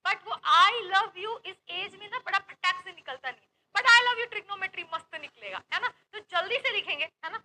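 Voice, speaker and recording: A woman's voice: very high voice, moderate pace, few pauses, sharp tone, a little hiss or hum, rough recording. A young woman from Uttar Pradesh with an Uttar Pradesh accent, teaching a maths class online in a chatty, playful, teasing way. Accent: Uttar Pradesh Hindi. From Uttar Pradesh, India. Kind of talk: lively online class, Hindi-English mix.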